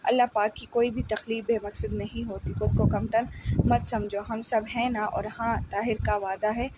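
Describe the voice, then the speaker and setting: Casting: a woman doing a gentle, protective brother, reassuring, in a higher voice, with loud hiss behind. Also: level tone, normal speed, lightly acted. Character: young man, calm protective brother. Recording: loud background noise.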